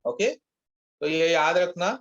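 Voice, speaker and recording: A man's voice: a little high, steady tone, slow pace, fairly bright tone, muffled recording, slight background noise. A male physics teacher giving an online class, mixing Hindi and English and asking the class questions, repeating each key term.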